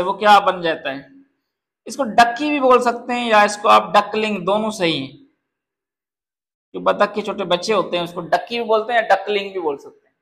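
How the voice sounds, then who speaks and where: A man's voice: high-pitched, fairly bright tone. A male English grammar teacher from Pakistan giving a patient classroom lesson, calling students "beta" and often checking that they understand. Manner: calls students "beta", explains with word examples.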